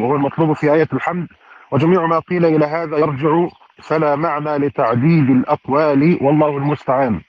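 A man's voice: on the high side, dull audio. A man reading a classical commentary aloud in a study circle, with fluent, formal delivery and careful vowel endings.

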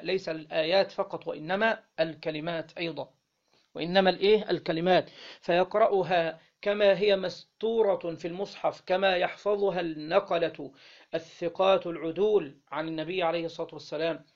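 An Egyptian-accented man with a high, gravelly voice teaches Islamic law. He reads each line of the legal text, then unpacks it, stopping to prompt his listeners for the missing word. The recording sounds dull and lo-fi. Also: steady tone. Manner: reads the text then explains, quizzing listeners with "what?" pauses.

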